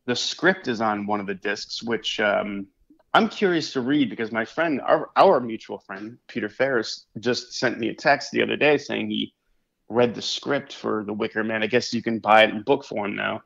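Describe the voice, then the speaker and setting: A man co-hosts a podcast in loose, casual chat, laughing often and throwing in plenty of "dude" and "man." His voice has a gravelly, creaky edge. The recording sounds slightly dull and lo-fi. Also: fairly low pitch, moderate pace, fairly bright tone. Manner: laid-back, laughs often, peppers talk with "dude" and "man". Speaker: podcast co-host.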